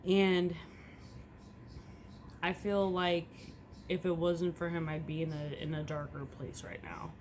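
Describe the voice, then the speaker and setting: A woman's voice: low voice, measured pace, pauses often, a little hiss or hum. A young woman, a first-time mother, talking candidly and a bit rambling in a casual vlog at home. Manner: candid, rambling, swings between hushed and loud. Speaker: vlogger, first-time mom.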